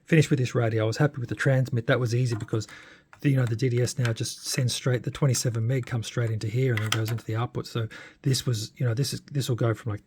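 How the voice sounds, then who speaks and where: A fast-talking man with a darkish, mid-range voice and fairly even intonation presents a radio modification demo as a hobbyist. He thinks aloud and hesitates through this casual, unscripted tech update, over slight background noise.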